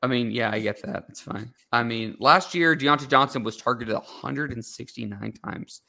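A man's voice: medium pitch, normal speed, gravelly, sharp tone. A man co-hosting a sports talk show, chatting casually about football with frequent restarts and hesitations. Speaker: sports podcast co-host.

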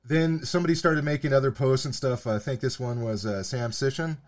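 A man's voice: medium pitch, brisk. A man co-hosting a casual podcast chat, rambling with lots of fillers and frequent swearing.

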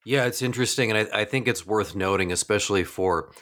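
A man's voice: lowish voice, fast, a bit bright. A male interview host asking searching, thoughtful questions.

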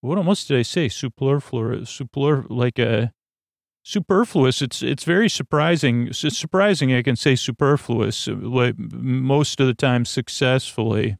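Creaky-voiced man rambling at bedtime. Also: medium pitch, normal speed, few pauses, no echo, studio quality. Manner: meandering, stumbling, self-mocking tangents. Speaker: sleep podcast host. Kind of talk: slow rambling bedtime monologue.

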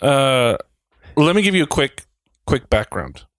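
A man in his thirties from Wisconsin, chatting casually as a podcast co-host. He rambles and jokes at his own expense in a mid-pitched voice. The sound is dry and close, with no room around it. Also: big pitch swings, unhurried, dry recording. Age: 30s. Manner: rambling, self-deprecating, jokey. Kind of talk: casual chat.

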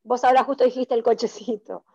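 Gravelly Rioplatense woman sharing on a call. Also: a little high, steady tone, quick pace, a little mellow, highs cut off. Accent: Rioplatense Spanish. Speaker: participant.

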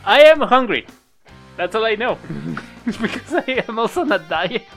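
Mexican man co-hosting a podcast, laughs a lot, lively pitch, faint music behind. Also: moderate pace. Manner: laughs often, animated storytelling. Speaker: podcast co-host. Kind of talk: casual chat.

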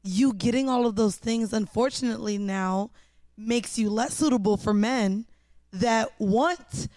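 A woman's voice: on the high side, a little slow, a little mellow, no echo. Brief: woman co-host, brash, cracks jokes, swears, dry booth sound. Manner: brash, joking, swears freely. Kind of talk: casual chat.

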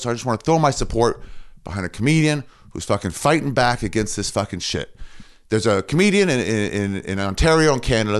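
A man's voice: medium pitch, clean tone. A man hosting a podcast in a casual, profane comedy rant, fired up and swearing. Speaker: podcast host. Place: standing in front of a mirror.

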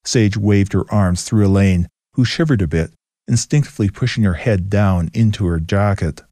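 Low mellow male narrator. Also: normal speed, no room sound, clean studio sound. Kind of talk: scripted narration.

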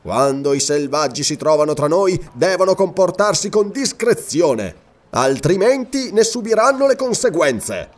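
A man's voice: very animated, a little slow, far from the mic. A man voicing a cruel, mocking Roman governor in an audiobook reading, haughty and gloating. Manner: haughty and gloating, high and loud.

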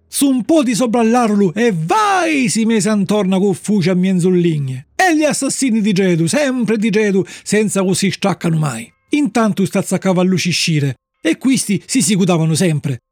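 High-voiced storyteller. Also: male voice, no room sound, clean studio sound. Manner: lively dialect storytelling. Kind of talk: storybook narration.

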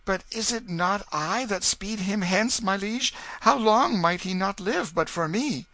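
A man's voice: high voice, measured pace, bright, forceful tone, no room sound, pitched above the performer's own voice, exaggerated voice. A man voicing a frightened young boy posing as a prince, speaking in timid, pleading, archaic words.

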